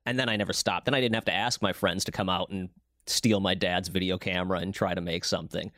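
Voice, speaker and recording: A man's voice: low-pitched, steady tone, fast talker, pushed and bright, dry recording, studio quality. A man hosting a casual conversation, telling stories with enthusiasm. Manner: enthusiastic, storytelling.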